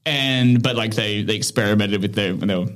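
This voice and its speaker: A man with a lowish, fairly bright voice speaks a little quickly as a guest in a casual interview. He founded an online chess training platform and reflects thoughtfully, often laughing while he hunts for the right words.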